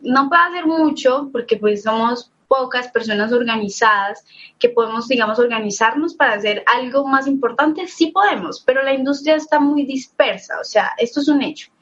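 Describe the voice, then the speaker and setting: A woman's voice: high-pitched, moderate pace, a bit bright, slightly rough, dull audio. A young Colombian woman, an interview guest, talking frankly and casually, laughing often and filling her speech with fillers. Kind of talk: candid casual storytelling.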